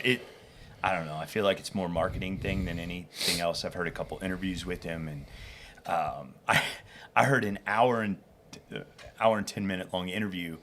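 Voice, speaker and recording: A man chatting casually at a whiskey tasting, talking in a relaxed, rambling way with restarts. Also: sits low, normal speed, a little hiss or hum. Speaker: guest whiskey collector.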